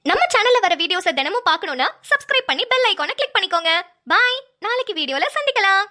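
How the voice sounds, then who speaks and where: A woman's voice: very high voice, sing-song, quick pace, bright, forceful tone. A woman hosting a cartoon channel, giving a chatty, upbeat outro to viewers.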